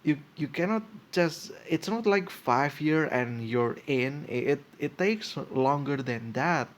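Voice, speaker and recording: Over slight background noise, a man in his twenties hosts a casual solo podcast in a slightly high, lively voice, taking things slowly. He reads from a page and reacts as he goes, thinking aloud hesitantly with plenty of fillers and restarts.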